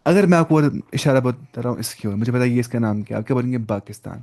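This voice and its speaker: Guy teaching arabic online, goes slow, says every word twice, kinda patient. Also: mid-range voice, expressive, darkish tone. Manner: slow, repeats each word and explains it patiently. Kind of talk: online language lesson.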